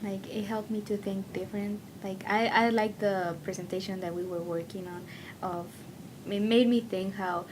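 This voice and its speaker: Cheerful and quick to laugh, a young Mexican woman who grew up speaking Spanish and Otomi responds to student interview questions in a Mexican Spanish accent. Her intonation stays fairly even, her pace is normal, and she rarely pauses. Low rumble and noise fill the recording.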